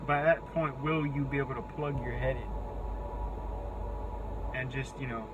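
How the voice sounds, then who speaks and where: A man in his twenties with a thin, squeaky voice, talking off the cuff in a halting, rambling way as he searches for words. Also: steady tone, highs cut off, noisy background. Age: 20s. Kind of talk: unscripted monologue to camera.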